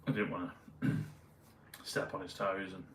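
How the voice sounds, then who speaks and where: A man vlogging in a meandering, hesitant casual monologue full of pauses and fillers. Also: deep voice, level tone, a little hiss or hum. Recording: roomy, mic at a distance, faint ambience.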